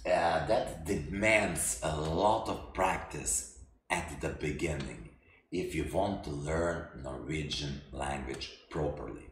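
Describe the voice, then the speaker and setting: A man who is not a native English speaker teaches a language lesson in halting English, repeating himself with many fillers. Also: rumbling low. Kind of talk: slow spoken language lesson. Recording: echoey room with faint noise.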